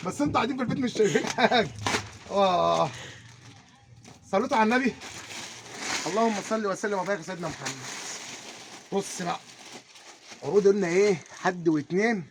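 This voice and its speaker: Egyptian guy selling carpets super fast, keeps going look look, high voice. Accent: Egyptian Arabic. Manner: repeats urgent calls to look, hawking patter. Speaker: carpet seller. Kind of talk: energetic sales pitch. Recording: noisy background.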